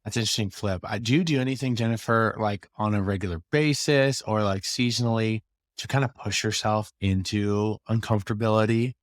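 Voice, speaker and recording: A man's voice: fairly low pitch, a little fast, no room sound. A man hosting a podcast, asking loose, chatty questions full of fillers. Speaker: podcast host. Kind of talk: casual interview questions.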